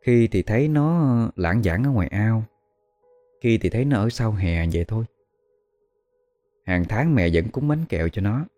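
Male ghost story host, Southern Vietnamese accent, very low and mellow, measured telling with fillers, soft music behind. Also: animated, no echo. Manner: slow, measured, hesitant with fillers. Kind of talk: storytelling narration.

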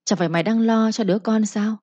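A woman's voice: medium pitch, fairly even intonation, fast talker, dark tone, no echo, highs cut off, voice pushed up, natural voice. A woman voicing a cold, stern young master of the house who gives commands. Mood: menacing.

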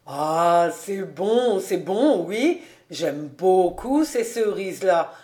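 A woman's voice: fairly low pitch, expressive, slow pace, darkish tone. A woman voicing a cheerful, eager man who exclaims heartily in an audiobook. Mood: hearty.

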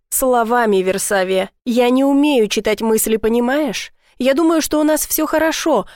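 A woman's voice: on the high side, darkish tone, no room sound, lightly acted. Woman voicing a blunt swearing husband, loving underneath, dry close sound.

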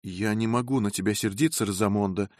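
Reserved husband in a storybook, calm, low, even-toned; the male reader himself. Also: no room sound, studio quality, natural voice. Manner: calm, measured.

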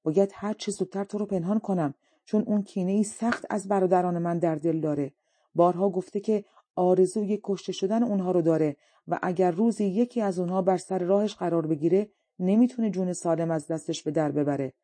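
A woman's voice: on the low side, warm tone, no room sound, natural voice. A woman voicing the dragon king's anxious young wife in an audiobook story. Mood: urgent.

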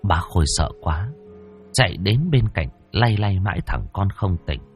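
A man's voice: low-pitched, animated, unhurried, faint music behind. A man narrating a ghost story dramatically.

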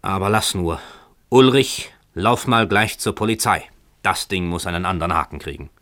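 A man's voice: deep voice, quick pace, pushed and bright. A man voicing a furious old landlord who screeches and splutters with outrage in a radio story reading.

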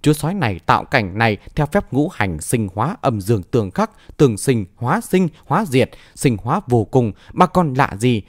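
A man's voice: medium pitch, sing-song, moderate pace, hardly any pauses, no room sound, studio quality. A man doing a shrieking old owl queen. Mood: scornful. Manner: shrieking and scornful. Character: shrill scheming old female owl queen.

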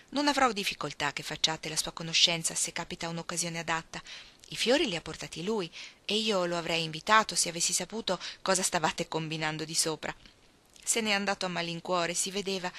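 Kind mother figure, calm and measured, read by a woman, lowish bright voice. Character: gentle, kindly mother Mrs March.

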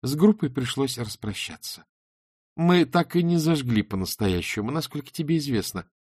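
A man's voice: medium pitch, lively intonation, moderate pace, darkish tone, husky, dry recording, studio quality, voice pushed up. A man reading a sweetly bitter young woman. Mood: cool.

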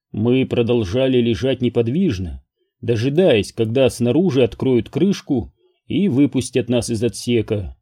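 A man narrating an audiobook in a steady, wry first-person manner. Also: medium pitch, slightly rough. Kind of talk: scripted narration.

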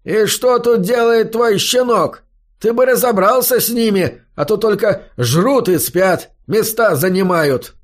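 A man's voice: fairly high pitch, expressive, unhurried, pitched above the performer's own voice. A man voicing a short, balding, hot-tempered male innkeeper who barks and scolds. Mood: shouting. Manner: barking, scolding.

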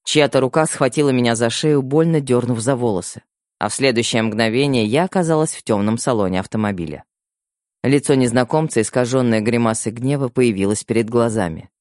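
A man narrating a novel in an expressive storytelling manner. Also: medium pitch, a little fast, no echo, studio quality. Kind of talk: audiobook narration.

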